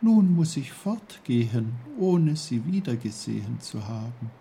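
A tiny, gentle snowdrop flower speaks in a soft, high, hesitant voice, as a man narrating a storybook puts her on. Her lines come slowly, with a mellow, warm tone. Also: sing-song, vocal fry, a little hiss or hum. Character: small delicate female snowdrop flower, gentle.

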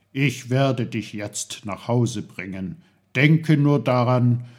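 Man voicing a tiny kindly wise magic man, storybook, calm, instructive, breathy voice. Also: mid-range voice.

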